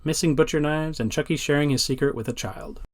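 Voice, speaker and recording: A man's voice: fairly high pitch, fairly quick. A man narrating a scripted video essay about film history in a wry, informal way. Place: voice-over recorded off screen.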